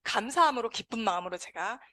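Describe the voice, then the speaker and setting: A woman giving an emotional personal testimony to an audience, telling her story with lively acted-out dialogue. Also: on the high side, fast. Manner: animated storytelling that acts out quoted dialogue.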